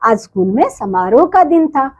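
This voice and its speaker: A woman's voice: on the high side, big pitch swings, moderate pace, husky. A woman teacher reading a storybook lesson to young children, explaining and repeating words for them.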